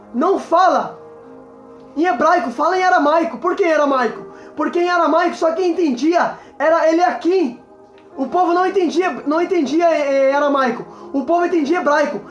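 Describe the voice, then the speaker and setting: A man with a Brazilian Portuguese accent preaching a sermon as an evangelist, repeatedly urging his listeners to pay attention. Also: very high voice. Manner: exhorting, repeats calls to listen. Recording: echoey room with faint music.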